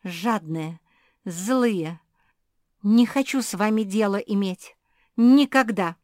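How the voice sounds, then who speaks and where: A woman's voice: medium pitch, expressive, measured pace, no echo, clean studio sound, pitched above the performer's own voice, natural voice. A woman voicing a plump, greedy female cat in a storybook reading, blunt and bossy in manner. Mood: indignant.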